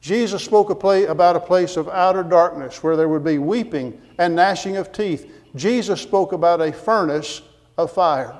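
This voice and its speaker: Emphatic preacher in a reverberant hall. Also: male voice, high voice, moderate pace, darkish tone. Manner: earnest, emphatic, quotes scripture with references. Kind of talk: sermon.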